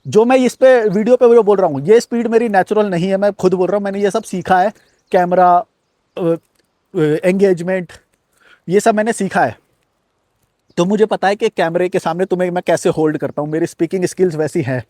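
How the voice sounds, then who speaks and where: Brief: male host, high voice, quick nonstop delivery of motivational points, dry close recording. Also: warm tone, no room sound. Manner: rapid, unbroken flow of points, addresses viewer directly. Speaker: self-help video host. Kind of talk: fast-paced motivational talk to camera. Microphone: recording to camera on a device.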